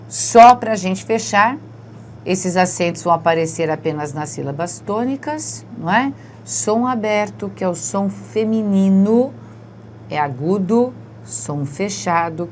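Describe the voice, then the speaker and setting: A woman's voice: medium pitch, darkish tone, slight background noise. A woman with a Brazilian Portuguese accent teaching an exam-prep grammar lesson, explaining step by step and checking in with her students after nearly every point.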